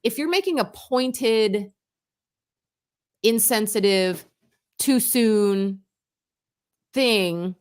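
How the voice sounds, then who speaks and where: A woman's voice: a little high, extremely slow, pauses often, a little mellow, clear, resonant tone. A woman co-hosting a radio show, chatting casually and giving her opinions frankly and with animation. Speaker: radio co-host.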